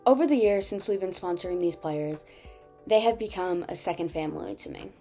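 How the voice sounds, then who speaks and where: Earnest young woman narrating, mellow tone. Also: lowish voice, brisk, soft background music. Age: young adult. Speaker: student video host and interviewer. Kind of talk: scripted narration and interview questions.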